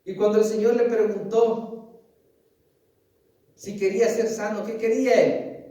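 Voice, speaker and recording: A high, mellow-voiced man preaching a sermon, earnestly asking his listeners question after question. He is recorded from a distance, and strong echo fills the space around his voice. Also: flat delivery, unhurried, dull audio. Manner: keeps asking "¿sabes?" and calls listeners "querido hermano". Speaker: pastor. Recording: echoey, distant mic.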